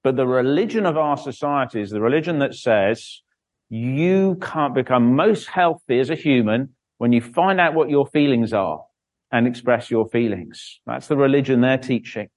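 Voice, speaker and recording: A man's voice: medium pitch, moderate pace, a little mellow. A man reading scripture and preaching a sermon, with frequent "uh" fillers and stumbles over names.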